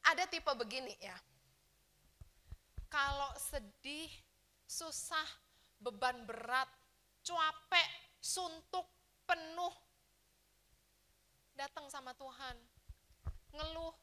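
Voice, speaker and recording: A woman pastor preaching a sermon in a church, lively and dramatic, sometimes acting out complaining churchgoers. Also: sits high, slow pace, pauses often.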